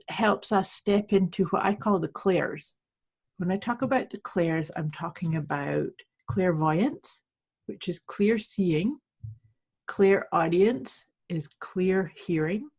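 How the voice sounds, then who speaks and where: Polite woman from canada, kinda husky, explaining stuff on a podcast like a coach, measured and chatty. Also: medium pitch, darkish tone. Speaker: podcast host, intuition coach. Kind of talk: conversational teaching.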